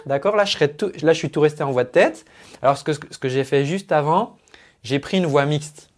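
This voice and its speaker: A man's voice: fairly high pitch, fairly quick. A man working as a vocal coach, giving a chatty, explanatory spoken analysis of a singer's technique. He uses singing jargon and talks into his own microphone at a computer.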